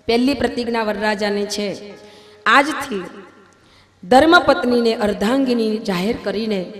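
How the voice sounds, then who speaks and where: Emphatic woman officiant in a reverberant hall. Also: on the high side. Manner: emphatic, swelling louder on key points. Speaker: wedding officiant at a religious gathering. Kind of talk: ceremonial vow recitation and preaching. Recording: long hall reverb, faint music.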